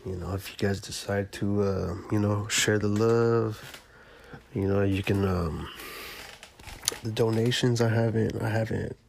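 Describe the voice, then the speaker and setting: A man hosting his own podcast alone, talking in a laid-back, profane, rambling way with a monotone voice. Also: lowish voice, creaky, slight background noise. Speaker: podcast host. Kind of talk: casual solo podcast talk.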